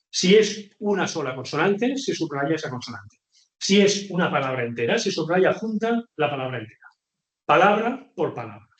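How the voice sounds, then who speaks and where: Echoey man teaching a class. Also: on the high side. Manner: explains patiently, often checks in with "ok?". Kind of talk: classroom lecture.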